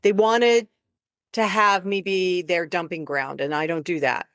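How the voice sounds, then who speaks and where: A woman's voice: lowish voice, steady tone, unhurried, a bit bright, clean tone, dry recording. A woman podcast host who affirms her guest and reflects thoughtfully on inner work. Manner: affirming, thoughtful, some restarts. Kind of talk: reflective conversational talk.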